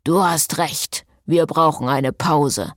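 A woman voicing an ancient, cold and commanding male vampire who speaks slowly and curtly in an audiobook. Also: low-pitched, dry recording, studio quality. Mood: aloof. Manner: slow, curt and commanding.

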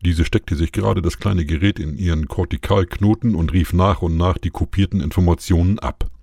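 Very deep male audiobook narrator. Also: fairly even intonation, normal speed, creaky, mellow, breathy edge, no room sound, clean studio sound. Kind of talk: scripted narration.

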